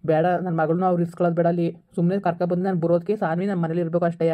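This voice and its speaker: In a scripted family skit, a husband angrily scolds his wife over the phone, insisting and repeating himself. His voice is high-pitched, his tone level, and his delivery rapid-fire.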